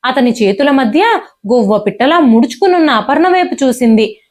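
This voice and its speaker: A woman's voice: sits high, animated, moderate pace. A woman telling a dramatic family story in an emotive audiobook reading. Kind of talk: audiobook narration.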